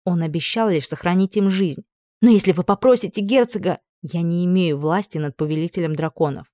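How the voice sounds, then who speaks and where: A weary young noblewoman who speaks in stern, tired commands, read by a woman narrator. Her voice is fairly low and the sound is dry and close, as in a storybook reading. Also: brisk, mellow, no room sound, close to an everyday voice. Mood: reproachful.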